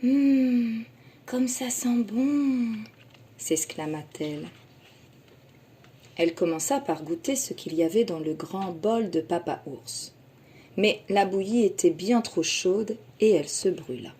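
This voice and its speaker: Woman, kindergarten teacher, reading a children's story aloud, slow and expressive. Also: lowish voice, a little hiss or hum.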